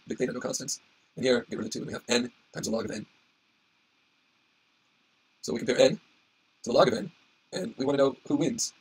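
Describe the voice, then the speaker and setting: A man giving an informal tutorial as an instructor, with a husky, strained voice that is giving out. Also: mid-range voice, low-quality recording. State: losing his voice, hoarse. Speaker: instructor explaining algorithm analysis.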